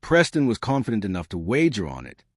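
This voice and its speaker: Lively low-voiced male commentary narrator. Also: quick pace, dry recording, clean studio sound. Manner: emphatic, dramatic, scornful.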